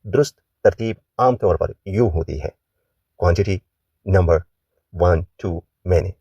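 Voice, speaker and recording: Deep, husky-voiced male English teacher. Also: warm tone, no room sound. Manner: slow, deliberate reading of English examples, explains in formal Urdu-heavy Hindi. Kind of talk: grammar lesson. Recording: dull, muffled lo-fi sound.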